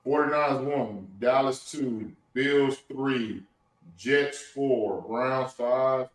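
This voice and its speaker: A man co-hosting a podcast, chatting about sports, reading out lists and mumbling his asides. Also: mid-range voice. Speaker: podcast co-host. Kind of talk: casual sports chat. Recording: roomy echo.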